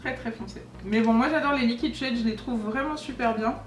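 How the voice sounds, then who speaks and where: A young beauty vlogger chats casually while unboxing makeup, talking to the products. Her voice is a little high and brisk, caught by a distant mic so she sounds a bit off-mic in an echoey room, with faint music playing.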